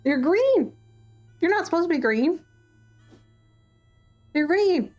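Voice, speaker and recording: A woman's voice: extremely high pitch, expressive, takes it slowly, darkish tone, faint music behind. A woman streamer chatting casually while playing a game, swearing freely, reacting aloud and reading the game's text to her viewers. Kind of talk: casual gameplay commentary.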